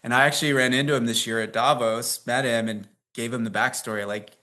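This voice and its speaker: The speaker is a man in his fifties from the United States, accent-free, appearing as a guest tech company CEO in an informal interview. His medium-pitched, sharp voice runs a little fast with fairly even intonation as he chats through long, wandering anecdotes, laughing often and saying "like" and "um" a lot.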